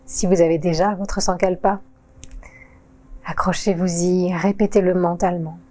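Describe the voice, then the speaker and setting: A woman yoga teacher guiding a relaxation session in a calm, soothing voice-over with long pauses. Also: on the low side. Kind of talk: guided relaxation narration.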